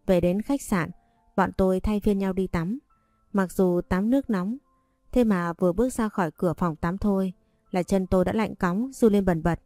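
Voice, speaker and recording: A woman reads a first-person romance story in a warm, mellow voice. Her delivery is even and unhurried, recorded dry and close. Faint music plays underneath. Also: mid-range voice, dry recording.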